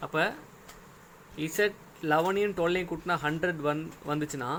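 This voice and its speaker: Patient male lecturer, slightly high voice. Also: normal speed, fairly bright tone, a little hiss or hum. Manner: patient, step-by-step, often checks "okay?". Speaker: engineering lecturer. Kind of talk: recorded classroom lecture.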